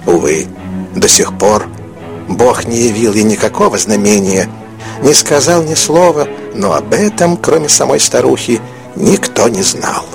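A man narrating an audiobook in an expressive, melodic storytelling manner. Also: medium pitch, unhurried, creaky, over music. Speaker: audiobook reader.

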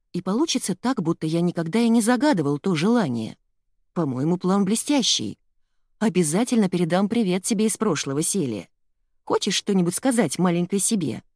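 A woman reading an audiobook, voicing an impatient young boy who speaks in a pleading, excited way. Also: fairly low pitch, no echo, clean studio sound. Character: lost boy stuck young, eager and impatient.

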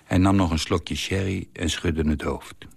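A man reading a short story aloud in a calm, measured, wry way. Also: sits low, vocal fry, husky, dry recording.

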